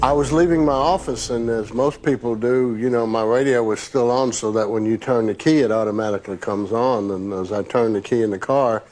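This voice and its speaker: A man telling a personal memory in an interview, earnest and a little halting. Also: medium pitch, darkish tone, soft background music.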